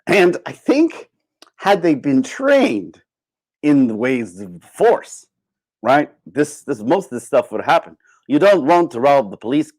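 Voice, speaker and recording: A man with a medium-pitched, slightly mellow voice delivers an opinionated, casual livestream monologue as host. He speaks informally and emphatically, repeating phrases to hammer his points and swearing now and then. The recording is rough, with no room sound.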